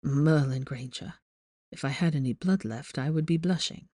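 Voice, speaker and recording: Hoarse weary young wizard, dry teasing murmur, lowered and soft as a woman narrator puts him on. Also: moderate pace, no room sound. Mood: tired teasing. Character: young male wizard, wounded, tired, teasing.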